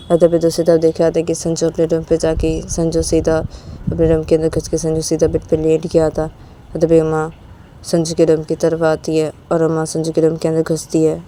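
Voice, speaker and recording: A woman's voice: sits low, dark tone, slight background noise. A woman narrating a romance story in a loose, repetitive storytelling manner.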